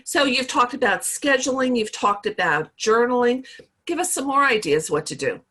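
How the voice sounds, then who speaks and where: A woman's voice: fairly high pitch, very animated, moderate pace, sharp tone. A woman hosting a casual interview, friendly and prompting her guest with questions, her voice a little worn. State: losing her voice. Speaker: host.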